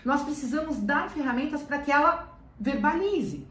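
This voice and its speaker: A woman's voice: high-pitched, animated, moderate pace, fairly bright tone, echoey room, recorded from a distance. A woman with a Brazilian Portuguese accent, a teacher explaining things to parents, often repeating phrases for emphasis. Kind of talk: educational talk to parents.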